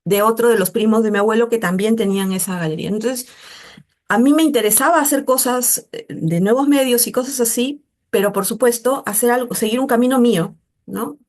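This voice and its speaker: Middle-aged woman, Peruvian Spanish accent, chatty and animated storyteller, voice sits a little high. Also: a little fast. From Peru. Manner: chatty, animated, mimics voices in quotes, frequent "¿no?". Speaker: interviewee, artist. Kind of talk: casual interview talk.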